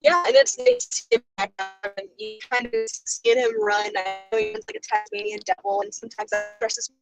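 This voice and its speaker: A woman's voice: extremely high pitch, big pitch swings, brisk, gravelly, over music, rough recording. A woman co-hosting a casual sports chat over a call connection that keeps breaking up, trailing off mid-sentence. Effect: choppy call connection breaking up. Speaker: co-host.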